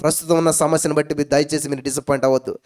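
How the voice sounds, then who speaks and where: High, resonant-voiced preacher man. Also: flat delivery, rapid-fire, darkish tone. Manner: emphatic preaching with repeated hallelujahs and rhetorical questions. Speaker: pastor. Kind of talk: sermon. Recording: faint music behind.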